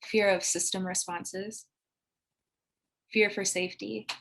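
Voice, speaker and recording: A woman's voice: mid-range voice, steady tone, slow, creaky, fairly bright tone, a little hiss or hum, poor audio. A woman facilitating a live online training over a video call, earnest and loose, with many "like"s and "um"s. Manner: earnest, heavy use of "like" and "um". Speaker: workshop facilitator.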